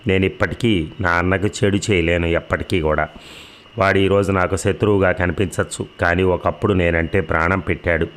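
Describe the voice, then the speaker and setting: A low-pitched young man speaking with firm resolve, as a male storyteller reads him. He makes his emphatic declarations in a deep voice, close to the storyteller's own. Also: steady tone, fairly quick, fairly bright tone. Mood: resolute. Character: young man, angry then remorseful brother.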